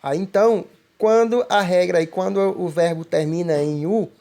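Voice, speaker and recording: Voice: mid-range voice, moderate pace, vocal fry, mellow. A teacher giving a recorded grammar lesson, explaining patiently and repeating checks for understanding. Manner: patient, repetitive explaining with frequent "né?" and "ó".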